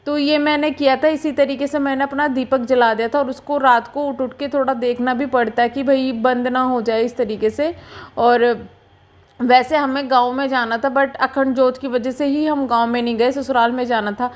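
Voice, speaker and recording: A young woman narrating her daily home vlog in a chatty, confiding, unhurried way, talking to viewers like a friend. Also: high voice, steady tone. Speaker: vlogger.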